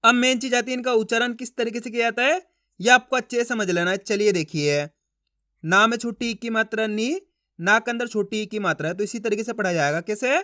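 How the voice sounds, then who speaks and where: A man teaching Hindi reading online, sounding out syllables slowly one by one and checking with viewers that it is clear. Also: extremely high pitch, sharp tone, dry recording, studio quality. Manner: slow, drawn-out syllable-by-syllable pronunciation drills; addresses viewers as friends, asks if it's clear.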